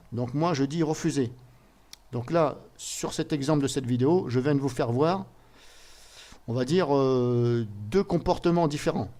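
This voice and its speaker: A man's voice: medium pitch, mellow. A man walks viewers through a computer program on screen, talking casually as he clicks. He hesitates and restarts often and keeps dropping in little filler words between steps. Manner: casual, fills pauses with "voilà" and "hop"; thinks aloud, restarts and hesitates. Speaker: software tutorial presenter. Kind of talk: screen-recorded software tutorial.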